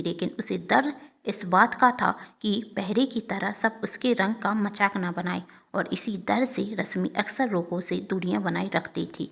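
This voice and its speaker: A young woman narrating an emotional family drama in a steady storytelling manner. She carries the tale with feeling and reads each character's lines in her own voice. Her pitch sits at a medium level. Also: vocal fry, breathy edge.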